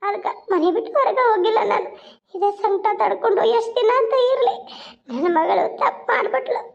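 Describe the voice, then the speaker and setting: A woman's voice: very high voice, fairly even intonation, moderate pace, gravelly, highs cut off. Tearful grieving cartoon mother. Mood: weeping. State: crying. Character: grieving middle-aged mother, tearful and worried.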